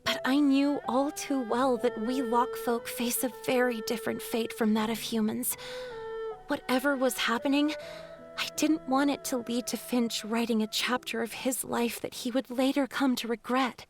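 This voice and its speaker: A woman voicing a gentle, shy water spirit in a video game, speaking softly and hesitantly. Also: fairly high pitch, steady tone, normal speed, over music, natural voice. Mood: wistful. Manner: soft, hesitant, breathy at times.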